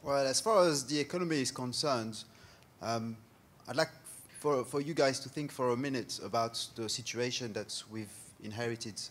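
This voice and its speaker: A man speaking on a conference panel in an earnest, deliberate way. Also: mid-range voice. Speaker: panelist, startup founder.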